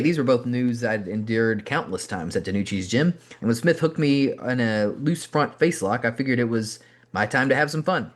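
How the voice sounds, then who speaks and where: A man, the host, reading a memoir aloud as an audiobook, narrating in an animated first-person storytelling style. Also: mid-range voice.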